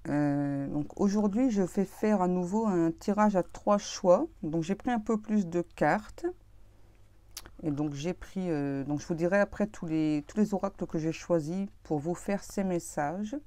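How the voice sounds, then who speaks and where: Soft-spoken woman tarot reader, hesitant. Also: fairly low pitch, a little slow, dry recording. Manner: hesitant, many fillers and restarts. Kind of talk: casual tarot reading monologue.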